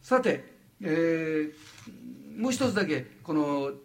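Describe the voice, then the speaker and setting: An older man from Japan giving a lecture, halting with frequent fillers and lively asides. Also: a little high, creaky. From Wajima, Noto Peninsula, Japan.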